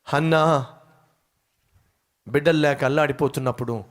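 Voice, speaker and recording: A man's voice: fairly high pitch, steady tone, normal speed. A middle-aged male pastor preaching a sermon, asking the congregation questions and acting out short dialogues. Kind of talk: Telugu sermon.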